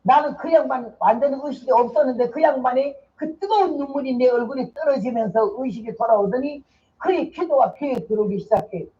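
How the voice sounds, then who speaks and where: A woman's voice: high voice, brisk, warm tone, lo-fi sound, slight background noise. An older woman preacher delivering a sermon, telling a personal testimony vividly and dramatically.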